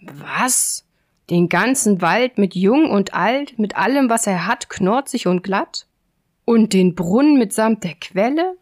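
A woman voicing a huge, dim-witted male giant who grumbles slowly into his beard. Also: expressive. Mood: grumbling. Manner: slow, low, grumbling.

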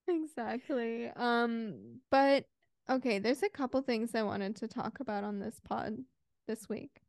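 A woman co-hosting a podcast in casual chat, playful and quick to laugh. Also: on the high side, animated, creaky, a little mellow, no room sound, studio quality. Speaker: podcast co-host.

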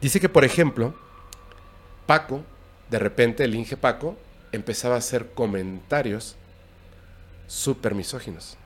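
Un hombre con acento mexicano narra con calma una historia de terror en una charla informal, con pausas y tono bajo. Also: male voice, mid-range voice. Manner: recounting a scary story, hushed and halting. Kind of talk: casual storytelling.

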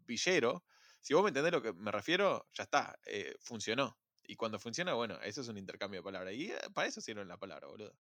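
A man's voice: lowish voice, dry recording. Rioplatense man, casual podcast chat, slangy and emphatic, dry sound. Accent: Rioplatense Spanish. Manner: rambling, slangy, argues with animated emphasis. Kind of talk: casual chat about films.

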